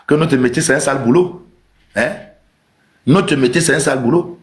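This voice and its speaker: A man's voice: medium pitch, moderate pace. A man hosting a live stream with an emphatic, teasing comic rant, repeating his points. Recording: roomy echo.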